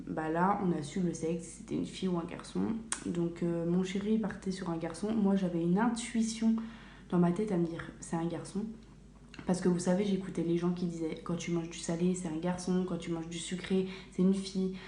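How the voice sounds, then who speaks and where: In a casual vlog filmed in a small, echoey bathroom at home, a young woman tells a story with many fillers and self-corrections. Her voice is fairly low and mellow, with faint room ambience and slight background noise.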